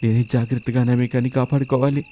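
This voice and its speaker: A man's voice: mid-range voice, flat delivery, quick pace, warm tone, a little hiss or hum, close to an everyday voice. A man voicing an anxious young husband who urgently talks to himself while searching for his wife. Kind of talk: storybook drama acting.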